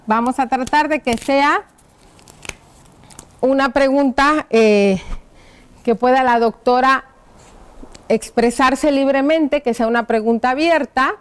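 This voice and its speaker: Patient, high-voiced woman teaching slowly. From Mexico. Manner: slow, patient, spells out each word while writing; asks the pupils rhetorical check-in questions. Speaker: primary school teacher. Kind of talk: classroom lesson on TV.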